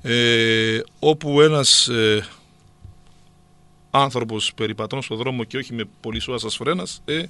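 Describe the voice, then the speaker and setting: A man's voice: medium pitch, bright, forceful tone. A middle-aged man explaining at length to a co-host, with many hesitant fillers. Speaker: guest.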